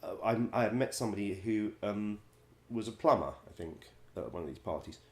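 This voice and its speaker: A man, a musical director and vocal coach, telling wry stories in a chatty way, laughing often and filling pauses with ums. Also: lowish voice, animated, reverberant. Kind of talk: casual anecdote-telling.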